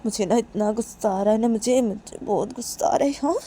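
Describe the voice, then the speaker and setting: A woman's voice: normal speed, a little hiss or hum, natural voice. A woman doing a shrieking furious young mother. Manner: shrill shouting, repeats herself. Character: furious young mother protecting her baby daughter.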